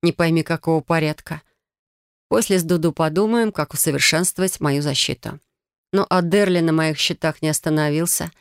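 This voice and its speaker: A woman narrating a first-person fantasy story in an even, expressive reading. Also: low-pitched, brisk, clear, resonant tone, no echo, clean studio sound. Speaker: audiobook narrator.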